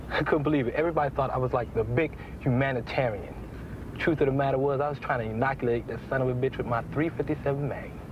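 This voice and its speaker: A man's voice: medium pitch, steady tone, quick pace, lightly acted. An actor playing a boastful male ex-cop who tells a story with swagger, from a film soundtrack. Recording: dull film soundtrack with background noise.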